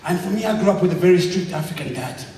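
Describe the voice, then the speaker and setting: Young guy from zambia doing stand-up, loud energetic punchlines, heard from far off in an echoey club, noisy crowd. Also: sits high, racing. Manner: energetic, rabble-rousing, shouting punchlines. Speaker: stand-up comedian. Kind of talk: stand-up comedy set. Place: comedy club stage. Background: audience laughter.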